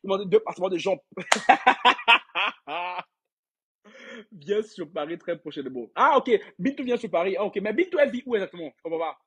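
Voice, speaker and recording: Man, live-stream gossip host, casual chat, rambling and repetitive, frequent laughs, husky, higher-pitched voice. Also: animated, moderate pace, pushed and bright. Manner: rambling, repeats words, laughs often, addresses viewers directly.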